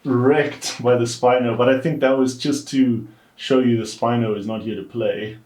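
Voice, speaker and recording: A man's voice: mid-range voice, fairly even intonation, moderate pace, background noise. A man co-hosting a podcast, chatting casually about a film and thinking aloud with hedges. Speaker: podcast co-host. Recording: echoey room.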